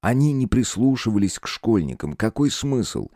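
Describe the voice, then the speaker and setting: A man giving a measured, expressive scripted narration of a horror story as an audiobook reader. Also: on the low side, no echo, studio quality.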